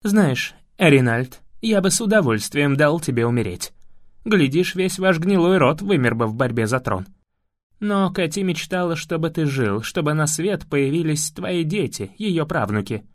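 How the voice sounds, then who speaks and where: A man's voice: fairly high pitch, animated, moderate pace, no room sound, studio quality, lightly acted. A man reading an audiobook voices a lovelorn, stern male elf guardian, speaking in an earnest, grave way.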